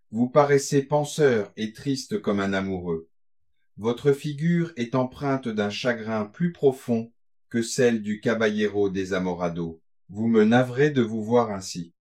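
A man's voice: lowish voice, measured pace, darkish tone, natural voice. A man reading aloud, voicing a bitter, ruined Spanish coachman who gives solemn warnings in an audiobook. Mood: courteous.

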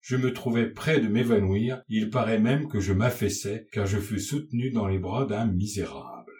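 A man's voice: on the low side, lively intonation, moderate pace, darkish tone, close to an everyday voice. A man reading aloud and voicing an anxious, blustering bourgeois father recounting his ordeal. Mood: agitated.

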